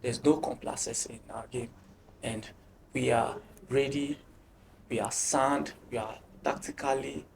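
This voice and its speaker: Gravelly-voiced team captain, halting. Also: male voice, medium pitch, steady tone, noisy background. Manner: halting, repeats words often. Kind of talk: interview answers.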